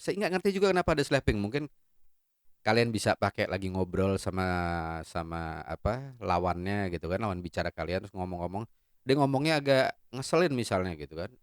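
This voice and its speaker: A man's voice: low voice, clear, resonant tone. A man hosting a casual product review in a playful, joking, chatty way. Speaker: host and gear reviewer.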